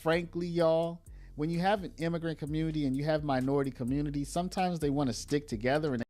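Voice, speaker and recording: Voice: medium pitch, fairly even intonation, fast talker, a little mellow, faint music behind. An online commentator talking casually to viewers in a chatty way, often saying "y'all".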